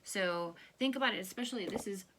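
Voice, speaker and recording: A woman with a mid-range, fairly bright voice reads a children's picture book at a brisk clip. She guides the kids along, regularly asking them questions, and faint hiss runs through the home recording.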